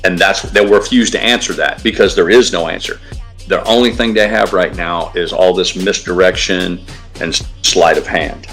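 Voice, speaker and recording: Co-hosting a casual livestream, a man rants bluntly and profanely as they chat. His deep voice moves at a moderate pace with a somewhat bright edge, and faint music plays behind him.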